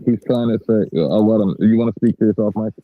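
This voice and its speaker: A man's voice: fairly low pitch, fast talker. A man in a heated online group chat, his audio muffled and dropping out over the voice-chat line. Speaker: stream chat participant. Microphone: online voice chat mic.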